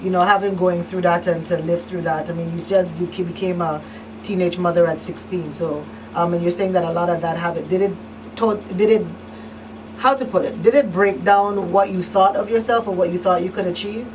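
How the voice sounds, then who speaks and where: A talk show host interviews conversationally and attentively, feeling her way through questions, rephrasing them and murmuring acknowledgments often. Her lowish voice moves fairly quickly with fairly even intonation, picked up by a distant mic over a noisy room hum.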